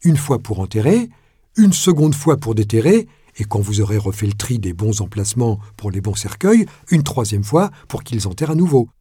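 A man's voice: fairly low pitch, sing-song, moderate pace, dark tone, slightly rough, no room sound, studio quality. A man voicing a casual, scheming businessman who wheedles and keeps tagging phrases with fillers. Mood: breezy. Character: offhand, scheming middle-aged male businessman.

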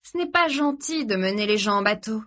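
A woman reading the part of a cruel young male captor who taunts his prisoners in a mock-gentle way. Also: mid-range voice, expressive, a little fast, lightly acted.

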